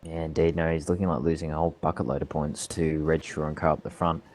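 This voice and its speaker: Deep aussie guy calling a sim race, talks quick and rambly, faint hum behind. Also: level tone, a little mellow. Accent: Australian. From Australia. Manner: chatty, laughs often, rambling asides. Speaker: sim racing commentator. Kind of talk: live race commentary.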